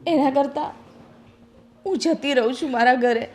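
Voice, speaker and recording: Hurt young bride from a poor home , played by a woman, tearful, a bit high. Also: normal speed, a little mellow, a little hiss or hum, lightly acted. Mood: resigned. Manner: tearful, pleading, defensive. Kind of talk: family drama acting.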